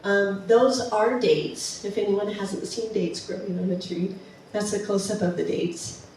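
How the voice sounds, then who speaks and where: A woman's voice: mid-range voice, steady tone, a little slow, darkish tone, a little hiss or hum. A woman giving a casual, enthusiastic slideshow talk, with many ums and restarts. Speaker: presenter of a travel slideshow. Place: museum presentation room. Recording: far-off mic in a very echoey room.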